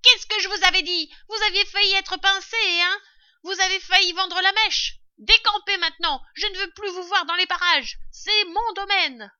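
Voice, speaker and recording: A bossy storybook rat squeals and scolds in a piercing, very bright high voice, as a woman puts him on. He sounds keen and sharp. The recording is dull and lo-fi. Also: normal speed, heavily acted. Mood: mocking. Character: shrill bossy male rat, guarding his shelf.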